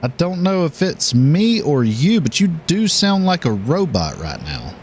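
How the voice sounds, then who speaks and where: A man doing live play-by-play race commentary, his pitch sitting a little high and swinging widely as he calls the action. He talks over a faint hum of background noise. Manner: lively, animated calling with filler pauses.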